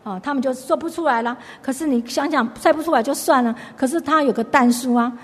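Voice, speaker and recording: A woman's voice: sits high, quick pace, breathy edge, long reverb tail. A woman giving a chatty Bible lesson, retelling the story and restarting her sentences often. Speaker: Bible study teacher. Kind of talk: conversational Bible teaching.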